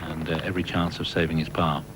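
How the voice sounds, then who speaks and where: A man's voice: rumbling low, little pitch movement, fast talker. A man giving live golf commentary as a broadcast commentator. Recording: noisy outdoor broadcast ambience. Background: outdoor course ambience.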